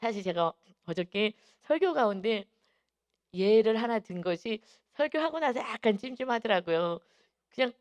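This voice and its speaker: A woman's voice: mid-range voice, darkish tone. A woman pastor giving an early-morning sermon, emphatic and telling personal stories. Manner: emphatic, acts out quoted voices and personal stories.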